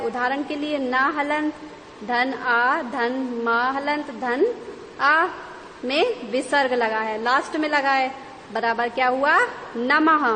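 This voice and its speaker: High-voiced woman teaching slowly. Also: pushed and bright. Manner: slow, spelling words out piece by piece. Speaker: Hindi teacher. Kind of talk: online class lesson for young children. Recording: long reverb, faint background noise.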